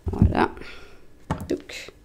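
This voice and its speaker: A woman reading tarot cards for online viewers in a casual, chatty way, with many fillers and self-corrections. She speaks directly to the listener in a gentle, reassuring way. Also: extremely slow. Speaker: tarot card reader.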